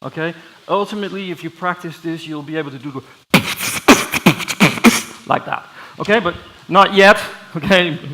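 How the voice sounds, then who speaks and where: A middle-aged Dutch man with a Dutch accent, giving a playful, energetic conference keynote, full of fillers and restarts. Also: on the high side, fairly quick, rough recording. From Netherlands. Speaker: keynote speaker. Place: large conference hall with audience.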